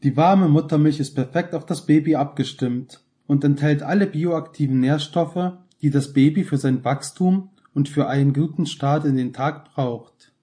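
A man narrating a short story in a calm, measured reading. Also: on the high side. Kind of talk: scripted audiobook narration.

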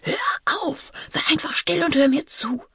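A woman playing a terrified teen big sister in urgent whispered role-play, high and tense. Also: normal speed, creaky, no room sound, clean studio sound. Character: panicked teenage girl, urgent big sister.

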